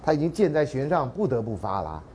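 A male university lecturer with a Taiwanese Mandarin accent, giving a joking, animated classroom lecture. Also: medium pitch, quick pace, slight background noise. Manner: animated and joking, drops into dramatic readings and half-sung lines.

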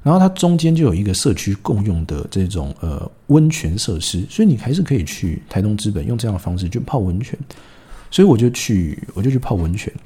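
A young man with a Taiwanese Mandarin accent, a podcast host telling a story in a wry, animated way, with frequent fillers and asides. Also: on the low side, brisk, slightly rough. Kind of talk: casual storytelling.

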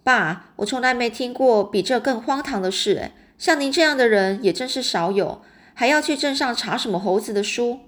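A woman's voice: a little high, expressive, moderate pace, pitched above the performer's own voice. A woman voicing an exasperated farm mother.

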